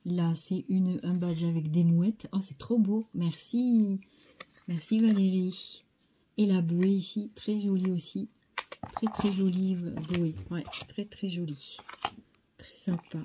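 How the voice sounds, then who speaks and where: A woman's voice: fairly low pitch, steady tone, slow pace, dark tone, a little hiss or hum. A French woman hosting a scrapbooking video, chatting casually as she shows craft mail and repeating how nice each piece is. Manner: chatty, enthusiastic, repeats "très sympa".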